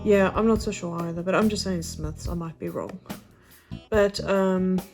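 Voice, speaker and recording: A woman's voice: on the low side, steady tone, moderate pace, darkish tone, faint music behind. A woman chatting casually in a craft vlog, hesitant and full of fillers. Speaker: craft vlogger. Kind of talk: casual unboxing chat.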